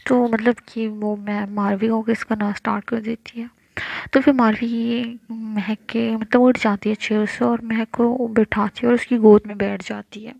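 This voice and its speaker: A woman's voice: on the high side, little pitch movement, unhurried, vocal fry, darkish tone, dry recording. A woman telling a love story in casual narration, rambling with many filler words and self-corrections.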